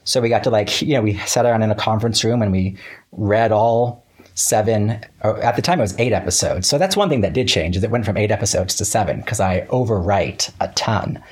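This writer speaks briskly in a lowish, darkish, slightly rough voice as a casual interview guest. He's chatty yet hesitant, prone to false starts, and frequently performs snippets of past conversations, quoting himself.

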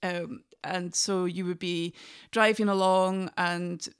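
A woman with a Highland Scottish accent, chatting reflectively and telling anecdotes as a podcast guest. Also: steady tone, slow pace, clean tone. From Inverness, north of Scotland. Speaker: podcast guest, fiddle player. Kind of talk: casual interview conversation.

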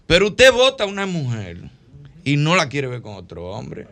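A man's voice: a little high, huge pitch swings, moderate pace, a bit bright. A man with a Dominican accent co-hosting a radio show, joking around and giving advice in casual studio banter. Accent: Dominican Spanish.

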